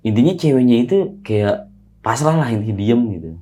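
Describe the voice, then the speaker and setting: A young man, telling a hiking story as a podcast guest in a relaxed, slangy way. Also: medium pitch, fast talker. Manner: relaxed slangy retelling, often adds "Bang". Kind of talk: casual spoken storytelling.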